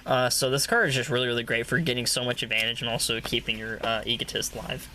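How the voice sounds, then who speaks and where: A man's voice: medium pitch, steady tone, fast talker, background noise. A man casually walking through a card game deck, rambling with many fillers and coughing now and then. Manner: rambling, many filler uhs, repeats "really, really". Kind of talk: casual deck profile talk.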